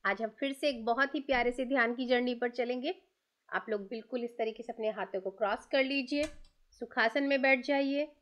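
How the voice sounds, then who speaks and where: A woman leading a guided meditation, giving slow, soothing instructions that mix Hindi and English. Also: a little high. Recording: music playing underneath. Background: soft background music.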